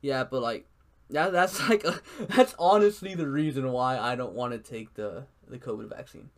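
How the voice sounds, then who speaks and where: A man's voice: mid-range voice, moderate pace. A man rambling in casual chat, full of filler words and swearing.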